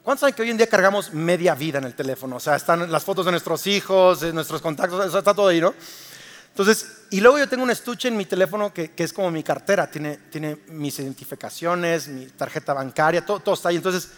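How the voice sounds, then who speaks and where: Animated high-voiced preacher. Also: male voice, fast, big-room sound. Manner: animated storytelling preacher, rising to loud calls to the congregation. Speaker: pastor. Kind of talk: sermon. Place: church hall.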